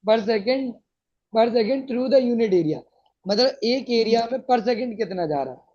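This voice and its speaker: A man's voice: very high-pitched, animated, slow, dark tone. A male teacher explaining a science lesson to students, patiently checking that they follow. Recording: dull lo-fi sound.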